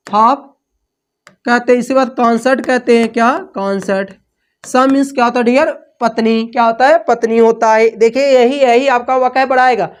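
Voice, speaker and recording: A woman teaching English vocabulary for exam prep, with repetitive call-and-response questions, switching between Hindi and English. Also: a little high.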